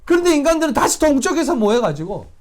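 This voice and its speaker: Man, pastor, Sunday sermon, emphatic delivery, rhetorical questions, swooping animated pitch. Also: fast. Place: church service.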